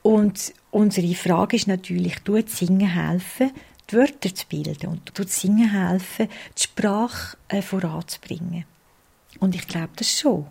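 A woman with a Swiss German accent speaks as a researcher in an interview, laying out her points patiently and step by step. Her voice is gravelly and husky, with a mellow, darker tone. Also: mid-range voice, measured pace. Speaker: early childhood music researcher. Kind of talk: explanatory interview answers.

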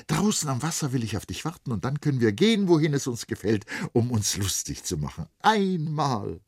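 A man's voice: sing-song, brisk, darkish tone, husky. A man voicing a young village girl in an audiobook, lifting his voice and sounding pleading and impulsive. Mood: eager. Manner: raised girlish pitch, pleading. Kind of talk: audiobook character voice.

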